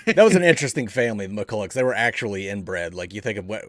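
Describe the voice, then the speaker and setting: A man's voice: lowish voice, big pitch swings, fast talker, no echo, studio quality. A bearded man hosting a casual live-streamed gaming talk show, joking and laughing as he goes. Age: adult with beard. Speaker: podcast host.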